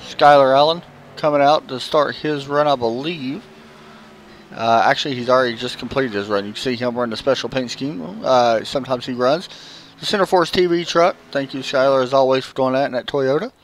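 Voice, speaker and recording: A man with a Southern drawl provides loose, conversational play-by-play for a sim-racing event and interviews drivers, often using fillers. He talks briskly in a mid-range voice, with a faint hiss or hum in the background.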